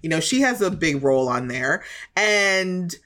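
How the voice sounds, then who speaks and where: A woman co-host with a low-pitched voice chats with lively energy. She sometimes lowers her voice almost to a hush when she shares gossip. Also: measured pace. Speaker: podcast co-host. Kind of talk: casual chat.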